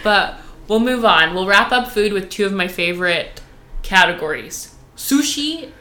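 A young adult woman from Texas, co-hosting a casual chat podcast and telling stories in a chatty, animated way. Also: medium pitch, measured pace, reverberant, a little hiss or hum. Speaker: podcast co-host.

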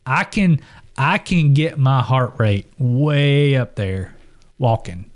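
An enthusiastic man co-hosts a casual podcast, rambling a little and restarting his sentences. His voice sits at an ordinary middle pitch for a man. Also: expressive, slow. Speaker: podcast co-host.

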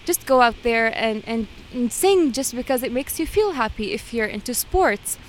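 Female guest, higher voice, earnest advice-giver, faint traffic behind. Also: animated, normal speed. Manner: earnest advice-giving with repeated phrasing. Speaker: interview guest. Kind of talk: casual interview.

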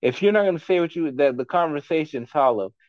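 A man's voice: on the high side, lively intonation, fast talker, no echo, dull audio. Blunt, profane man on a podcast. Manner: blunt, profane, rambling opinions. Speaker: podcast guest. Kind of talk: casual chat.

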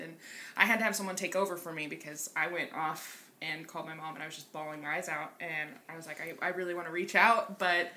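A woman's voice: fairly low pitch, pushed and bright, a little hiss or hum. A woman in her twenties, a podcast guest chatting candidly and laughing easily. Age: 20s. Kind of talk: casual podcast chat.

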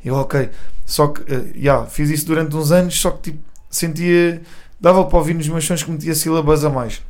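A young man with a Portuguese accent chats as a podcast guest. His voice sits a little high, and his talk is loose and rambling, full of slang fillers. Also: steady tone, a little fast, darkish tone. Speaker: guest rapper. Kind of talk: casual podcast chat.

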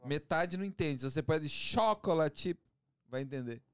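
Um homem brasileiro numa conversa descontraída de podcast, contando casos com gírias e animação. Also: male voice, fairly high pitch, moderate pace, clean tone, no echo. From Brazil. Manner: animated storyteller, slangy. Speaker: band member guest. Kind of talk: casual podcast chat.

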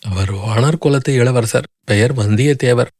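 A man's voice: mid-range voice, measured pace, a little mellow, no room sound, studio quality. A man voicing a grief-stricken young noblewoman who pleads desperately through sobs. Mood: grieving plea.

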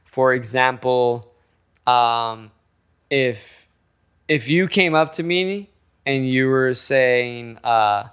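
A man in casual chat, an animated storyteller who likes to mimic voices and repeats his points emphatically. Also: mid-range voice, drawn-out words, pauses often, clean tone.

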